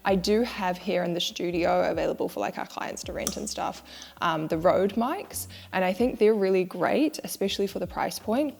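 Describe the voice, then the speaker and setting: A young woman talks straight to camera in a relaxed vlog, candid and a little self-mocking. Her mid-pitched voice has a gravelly fry at the ends of phrases, and she sounds close to a clip-on mic. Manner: chatty, candid, self-deprecating. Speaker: social media manager vlogger. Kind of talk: casual vlog talk to camera. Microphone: wireless clip-on mic.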